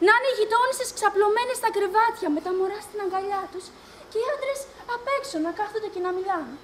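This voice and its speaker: A woman's voice: very high-pitched, background noise. A woman on stage playing a mad old grandmother who longs for babies, rambling in a singsong and giggling, recorded live and echoey. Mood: dreamy. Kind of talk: amateur stage acting.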